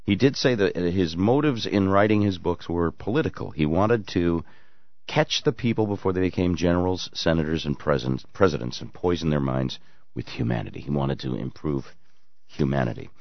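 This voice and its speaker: A man's voice: deep voice, normal speed, no room sound, muffled recording. A man hosting a radio call-in show, talking casually with callers. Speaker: radio talk show host.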